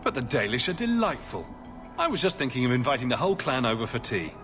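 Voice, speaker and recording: A man's voice: mid-range voice, huge pitch swings, slow pace. An actor playing a wisecracking male adventurer who speaks with dry sarcasm. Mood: sarcastic. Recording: game audio over music.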